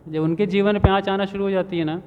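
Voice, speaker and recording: A man's voice: sits high, fairly even intonation, quick pace. A man telling a devotional story as a sermon, narrating with frequent rhetorical questions in a temple hall. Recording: dull reverberant hall sound.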